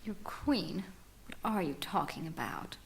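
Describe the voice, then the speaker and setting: A woman's voice: on the low side, expressive, a little slow, vocal fry. A cool, stern boss lady. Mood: cold. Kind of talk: anime dub acting. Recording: anime dub audio with loud music.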